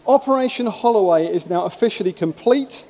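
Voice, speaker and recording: A man preaching a sermon, humorous and animated, slipping into mimicked voices. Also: high voice, brisk, crowd noise, background noise. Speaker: pastor. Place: church hall. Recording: long hall reverb.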